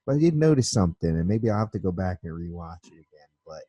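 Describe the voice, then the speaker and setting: A man's voice: low voice, very animated, fast, mellow, husky, no room sound, muffled recording. A man hosting a casual podcast chat about movie trailers, laid-back and full of fillers. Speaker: podcast host.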